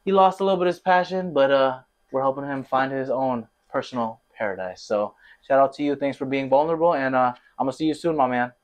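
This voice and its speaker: A man's voice: mid-range voice, quick pace, few pauses, dull audio. Playful hyped podcast host, a man. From Connecticut. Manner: playful, hyped, laughs a lot, shout-outs. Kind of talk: casual chat.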